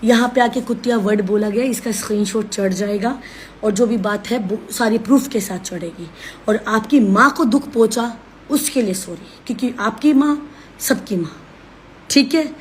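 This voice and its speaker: A woman's voice: a little high, moderate pace, a little hiss or hum. Scolding woman on a phone live stream. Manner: scolding, accusatory, insistent. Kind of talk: heated live-stream rant.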